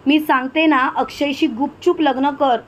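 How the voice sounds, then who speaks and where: Domineering, scolding older woman, put on by a woman narrator; commanding, high-pitched. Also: fairly even intonation, normal speed, lightly acted.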